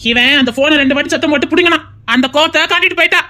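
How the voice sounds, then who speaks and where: A woman's voice: sits high, racing, bright, forceful tone. A woman playing a defensive, apologetic teenage grandson with a Tirunelveli Tamil accent. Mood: pleading. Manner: hesitant, pleading excuses.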